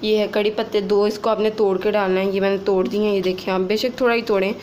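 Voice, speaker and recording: A woman's voice: medium pitch, flat delivery, quick pace, darkish tone, a little hiss or hum, poor audio. Chatty young woman cooking at home. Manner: chatty, giggly, addresses viewers as friends. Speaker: vlogger. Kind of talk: casual cooking vlog. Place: home kitchen.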